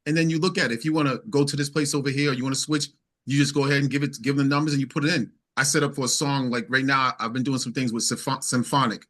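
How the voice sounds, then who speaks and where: He talks very fast in a steady, mid-range voice with a bit of brightness. The man, a singer-songwriter on an interview, relays anecdotes casually and with emphasis, often repeating himself and quoting exchanges.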